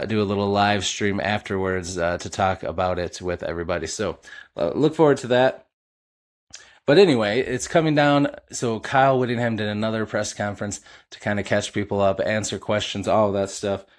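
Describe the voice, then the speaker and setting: Low-voiced enthusiastic sports podcast man. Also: normal speed. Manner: enthusiastic fan, many filler uhs. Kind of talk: casual sports commentary.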